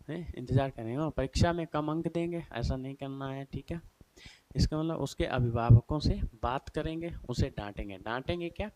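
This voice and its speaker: A man's voice: a little high, a little mellow, a little hiss or hum. A male teacher giving a chatty exam-prep lesson, asking and answering his own questions and checking in with his students over and over. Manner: chatty, repeats "theek hai" and "bhai sahab" often.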